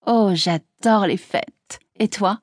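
A woman's voice: mid-range voice, lively intonation, moderate pace, darkish tone, husky, no echo, clean studio sound, voice pushed up. Woman voicing a gushing young hostess. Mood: delighted. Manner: breathless, gushing. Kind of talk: audiobook character voice.

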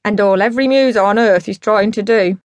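Briskly and at a medium pitch, close to her everyday voice, a woman performs an audiobook story as a swearing, bragging, intoxicated middle-aged dad with big dreams of music. She declaims in a bombastic, grandiose, drunken manner, and the recording is muffled but without room sound.

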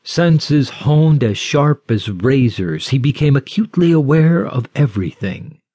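A man giving a scripted audiobook narration in a slow, measured storytelling manner. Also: mid-range voice, expressive, dark tone, husky, dry recording, clean studio sound.

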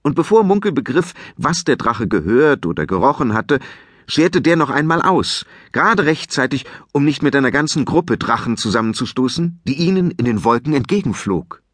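A man reading a children's audiobook aloud with expressive, scripted storytelling narration. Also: mid-range voice, normal speed, no room sound, clean studio sound. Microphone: close studio mic.

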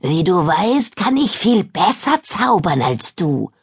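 A woman voicing a boastful, clumsy female witch with a hoarse voice and a slow, bragging way of chanting spells. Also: lowish voice, sing-song, heavily acted.

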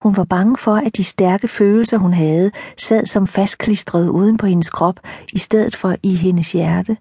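A woman narrating an audiobook in a soft, measured reading style. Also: medium pitch, slightly rough, no echo, studio quality.

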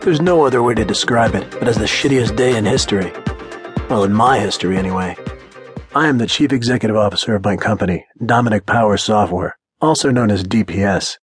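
A man's voice: on the low side, brisk, music in the background. A man narrating a first-person audiobook in a blunt, confident manner.

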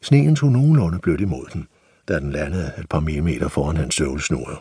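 Husky, deep-voiced male audiobook narrator. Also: dry recording, clean studio sound. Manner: expressive storytelling.

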